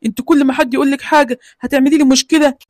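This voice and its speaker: A woman's voice: high voice, fairly even intonation, rapid-fire, a little mellow, dry recording, studio quality, lightly acted. A woman voicing an Egyptian-accented middle-aged man who brusquely denies knowing his daughters, with music behind. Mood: annoyed. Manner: brusque, dismissive.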